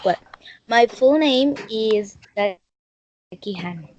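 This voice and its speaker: A woman's voice: fairly high pitch, animated, a little mellow, dull audio, slight background noise. A woman around twenty, a Spanish speaker studying English, speaking earnestly on a video call. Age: 20s. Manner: earnest, measured learner's English. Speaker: English student. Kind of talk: introduction and answer in class discussion.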